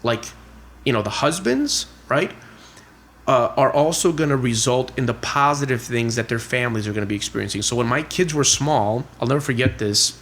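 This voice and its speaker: A man's voice: mid-range voice, normal speed, fairly bright tone, a little hiss or hum. A middle-aged man, a guest on a podcast, telling family stories in a chatty way, full of fillers and acted-out quotes. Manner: chatty, heavy on "you know" and "like" fillers; acts out family dialogue in quotes. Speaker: podcast guest, real estate investor. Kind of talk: casual storytelling interview.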